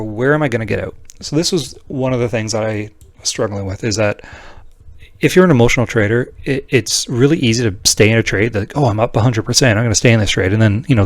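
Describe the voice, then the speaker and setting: A man with a mid-pitched voice talks through a tutorial off the cuff. He is informal and blunt, checking in often with a short "right?" The sound is dry, with no room around it. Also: no room sound. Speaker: trading tutorial presenter. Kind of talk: casual screen-share tutorial, unscripted explanation.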